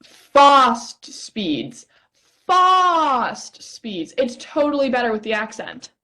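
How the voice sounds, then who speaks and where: A woman's voice: a little high, animated, measured pace, faint music behind. A young woman acting a playful, curious stargazer in a stage play reading, teasing and eager. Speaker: actor in a rehearsed play reading.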